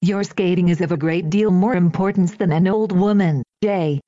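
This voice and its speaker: A woman voicing a sharp-tongued, curt old woman in a storybook. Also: fairly low pitch, moderate pace, no echo, highs cut off, natural voice.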